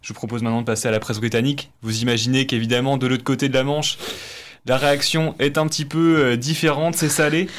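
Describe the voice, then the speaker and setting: A man's voice: medium pitch, steady tone, quick pace, slight background noise. Hesitant man reading sports press. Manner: hesitant, many fillers and restarts. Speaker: press review presenter on student radio. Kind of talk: radio press review.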